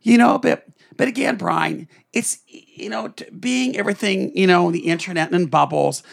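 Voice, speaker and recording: A man's voice: high voice, normal speed, creaky, dry recording. A middle-aged man co-hosting a podcast, telling family stories in a theatrical, blunt and profane way. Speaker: podcast co-host. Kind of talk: candid family storytelling.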